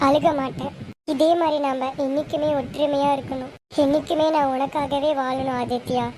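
A woman's voice: high-pitched, level tone, moderate pace, warm tone, natural voice. A woman acting as an emotional, lovestruck young college student in an amateur serial drama, with a pleading delivery. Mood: tender. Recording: noisy amateur home recording.

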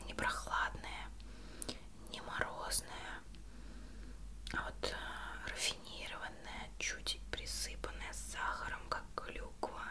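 A woman in her twenties speaking in a soft breathy ASMR whisper, rambling and self-ironic as she chats through a product review, often searching for words. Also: takes it slowly. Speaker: ASMR beauty vlogger. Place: small bedroom at home, indoors.

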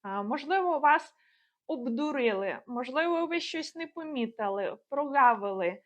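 A woman explaining English grammar as a teacher, in clear, measured speech and slowing down to spell out example phrases. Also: sits high, lively intonation, a bit bright.

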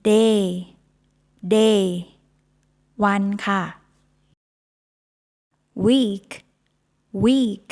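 A woman's voice: mid-range voice, steady tone, drawn-out words, pauses often, darkish tone, clean tone. A woman with a Thai accent teaching beginner English vocabulary, saying each word three times before she explains it.

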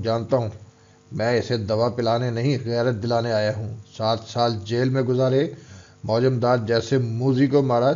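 A man reads as a harsh, bullying strongman in a storybook, his voice at a middling pitch and slightly dull on a lo-fi recording. He scolds and taunts in a rough, commanding manner. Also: darkish tone, lightly acted. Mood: scolding. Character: gruff older male strongman mentor, stern and mocking.

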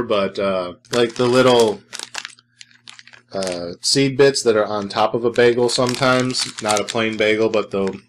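A man's voice: mid-range voice, slight background noise. Dry-humored man reviewing snacks. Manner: dry, sarcastic, rambling with fillers. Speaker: food reviewer host. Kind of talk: casual food review vlog.

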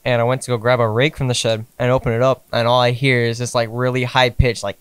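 A woman at a game night telling a dry, deadpan story to her friends. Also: rumbling low, fast, clear, resonant tone, no echo. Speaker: guest player. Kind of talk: casual chat, telling an anecdote.

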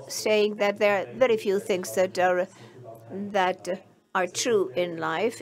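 Woman interpreting a conference talk live, lots of uhs, mid pitch, crowd murmur in the hall. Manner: halting, many filler sounds.

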